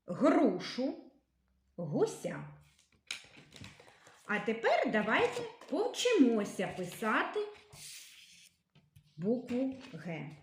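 Slow, lively-voiced woman teaching letters. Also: fairly high pitch, roomy sound. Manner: slow, clear, carefully enunciated dictation of sounds and syllables. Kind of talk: literacy lesson for young children.

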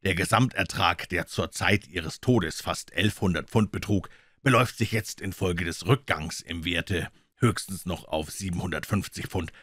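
A man reading as a calm, deep-voiced detective. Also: normal speed, no room sound, studio quality. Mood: wry. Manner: calm, polite and unflappable. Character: calm, sharp-witted male detective.

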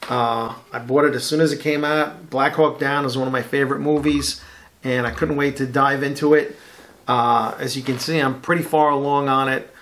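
A middle-aged man talks through a model kit review at his home hobby desk in a relaxed, easygoing way, full of ums and uhs. He sounds at an even, middle pitch, recorded by a desk webcam. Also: normal speed. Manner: relaxed, chatty, many fillers. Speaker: scale model builder, channel host. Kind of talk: casual build review.

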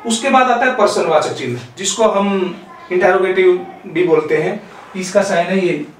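A man teaching a class of children, going slowly through each point with simple examples. His voice sits high, and it comes from a fair distance across the room. A strong echo fills the classroom, with faint noise behind him. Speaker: school teacher. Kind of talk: classroom lesson. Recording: very echoey room, voice from far off.

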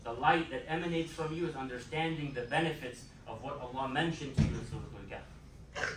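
A man's voice: mid-range voice, a little fast, heavy background noise. A man giving a Friday sermon as imam in a mosque, emphatic and repeating his key phrases. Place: mosque prayer hall. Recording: echoey hall, mic far off.

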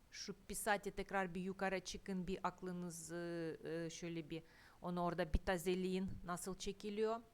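Slow, careful woman teaching Russian. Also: fairly low pitch, a bit bright. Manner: slow, deliberate, pronounces Russian words carefully and repeats them. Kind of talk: slow explanatory language lesson.

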